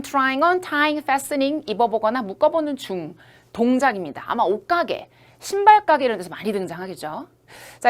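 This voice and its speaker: A woman in her thirties giving a lively online lecture as an English test instructor, acting out examples as she explains. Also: fairly high pitch. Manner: lively, demonstrative, acts out examples. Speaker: TOEIC listening instructor.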